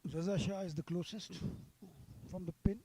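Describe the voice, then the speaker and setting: A man's voice: high-pitched, fairly even intonation, normal speed, mellow, slight background noise. A man giving live golf commentary, sympathetic toward the players.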